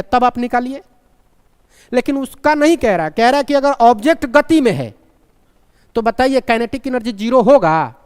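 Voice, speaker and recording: A man with a high, smooth, resonant voice teaches a physics lesson, constantly asking his class questions and repeating the key point. His voice carries a long reverb, as if he is recording in a large room. He slips terms into his sentences. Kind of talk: live online physics class.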